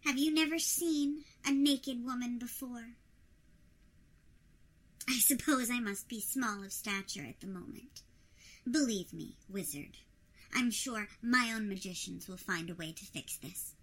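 A woman's voice: a little high, measured pace, fairly bright tone, poor audio. A woman voicing a shrunken queen who protests imperiously and indignantly at her captor. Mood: defiant.

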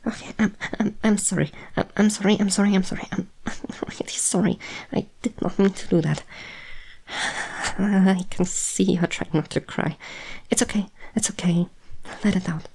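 A woman's voice: medium pitch, a little slow, creaky, dark tone, husky, rough recording. A woman playing a proud but anxious snake-bodied monster woman in an audio role-play, speaking hesitantly and stammering to the listener. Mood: frightened, soothing.

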